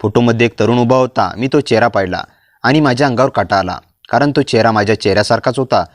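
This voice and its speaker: A man giving a steady, dramatic first-person narration of a story. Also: mid-range voice, quick pace, dry recording, studio quality.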